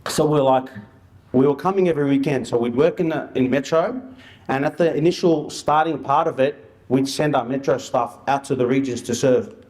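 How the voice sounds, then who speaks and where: A man's voice: medium pitch, normal speed, darkish tone. A man giving an informal presentation as an outreach worker, telling stories in colloquial, slangy language. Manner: colloquial and anecdotal, with slang and re-enacted dialogue.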